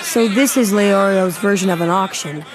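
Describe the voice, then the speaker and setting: A woman's voice: medium pitch, normal speed, a crowd in the background, noisy background, close to an everyday voice. A woman voicing a cool, cheeky young boy in a cartoon dub, dry and offhand. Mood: dry, teasing. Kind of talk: animated dub dialogue.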